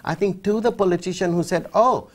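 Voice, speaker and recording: A man's voice: mid-range voice, lively intonation, normal speed, a little mellow. A middle-aged man with a Fiji Indian accent, giving emphatic, articulate interview answers in formal language in a TV studio. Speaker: human rights official, interview guest. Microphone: lapel mic.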